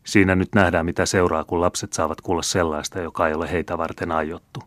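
A man's voice: sits low, flat delivery, no echo, close to an everyday voice. A male audiobook reader voicing a stern, curious old grandmother who questions sharply. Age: older. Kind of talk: audiobook character reading.

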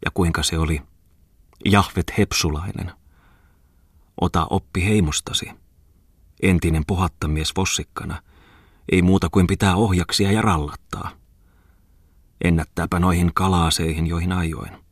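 Man voicing a musing artist, murmuring to himself, low, husky. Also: steady tone, pauses often, no room sound, studio quality. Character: young-ish male artist traveller, wry.

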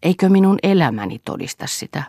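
A woman reading the lines of a patient, submissive wife who answers calmly and meekly. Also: lowish voice, slightly rough, dry recording, studio quality, voice pushed up, exaggerated voice. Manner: calm, meek.

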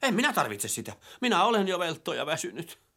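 Timid whining bureaucrat, lively pitch swings. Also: male voice, exaggerated voice. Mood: whiny. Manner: whiny, fretful. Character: timid, whiny male civil servant. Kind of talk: dubbed sitcom acting.

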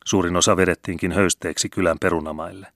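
A man's voice: deep voice, fairly even intonation, a bit bright, no echo, studio quality. A man reading a story aloud as an audiobook narrator, in a folksy storytelling tone. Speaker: audiobook reader. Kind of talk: literary narration.

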